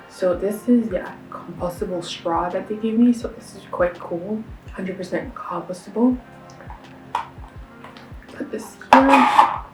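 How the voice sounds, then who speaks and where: A woman's voice: mid-range voice, a little slow, over music. A young woman from Canada in a casual food-tasting vlog, chatty and enthusiastic, with lots of fillers and slang. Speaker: vlogger. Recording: roomy sound, a bit far from the mic.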